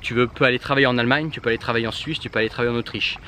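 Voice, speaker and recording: A man whose first language is Germanic gives casual language-learning advice directly to the camera, speaking to the viewer informally with many fillers and restarts. His mid-range voice is steady, very fast, bright, and forceful, with slight background noise.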